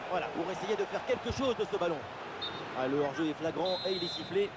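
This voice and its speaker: A man giving excited football commentary as play-by-play, with exclamatory calls. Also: sits high, fast talker. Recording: loud stadium-like background noise.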